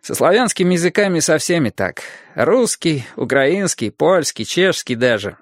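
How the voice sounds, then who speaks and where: A man's voice: on the high side, sing-song, moderate pace, dry recording, pitched above the performer's own voice. Male reader doing a raised, offhand voice for a mocking teen boy, dry close sound. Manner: shrugging, nonchalant delivery.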